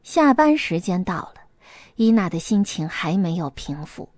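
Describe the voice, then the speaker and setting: A woman narrating a story in a lively, colloquial way, voicing each character. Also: lowish voice, moderate pace, dry recording, studio quality.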